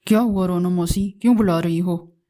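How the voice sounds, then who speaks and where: A woman's voice: on the low side, normal speed, warm tone, natural voice. A woman voicing a lazy, resentful young male crow in a cartoon, sounding whiny.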